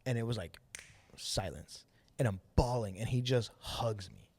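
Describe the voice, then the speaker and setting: A man's voice: mid-range voice, unhurried, breathy edge, no room sound. Slangy man telling a story, dry sound. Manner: slangy and animated, acts out quoted dialogue. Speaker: podcast host telling his testimony. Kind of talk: casual chat, personal storytelling.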